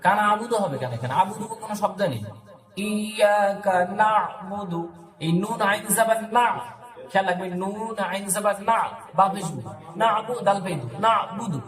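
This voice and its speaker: A man teaching correct pronunciation for reciting a holy text in Bengali, stretching the sacred words very slowly as he demonstrates and then explaining quickly. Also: high-pitched, expressive, reverberant, crowd noise. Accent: Bangladeshi Bengali. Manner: drawn-out slow recitation alternating with quick explanation. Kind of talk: tajweed lesson with slow demonstrations.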